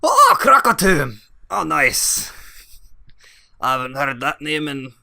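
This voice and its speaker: Gruff terse dwarf smith, voiced by a man, bright and tense tone. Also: medium pitch, animated, fairly quick. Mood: hearty. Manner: curt, clipped answers.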